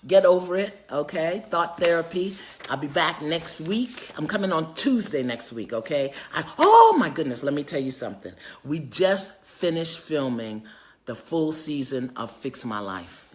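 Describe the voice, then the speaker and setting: An older woman who is an author and spiritual teacher speaks casually on a live video, her voice lowish. She's lively and chatty, greeting viewers by name.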